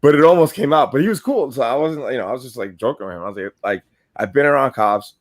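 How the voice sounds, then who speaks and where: Speaking quickly in a medium pitch, this New Yorker co-hosts a relaxed podcast, where he spins meandering, lively tales full of swearing.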